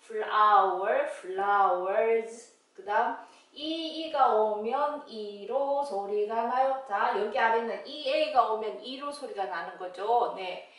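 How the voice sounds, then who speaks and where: A woman teaching English phonics, sounding out words slowly, syllable by syllable. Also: fairly high pitch, recorded from a distance. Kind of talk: slow instructional phonics lesson. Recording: very echoey room, voice a bit off-mic.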